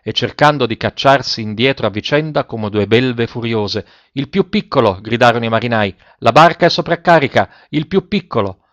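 A man narrating a dramatic story aloud, raising his voice sharply for shouted lines and slowing down for solemn ones. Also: medium pitch, no echo. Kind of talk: dramatic audiobook reading. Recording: dull, dry, muffled recording.

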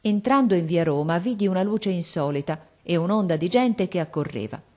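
Woman narrating in a low, measured voice. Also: lively intonation, a little mellow. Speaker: audiobook narrator. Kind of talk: scripted literary narration.

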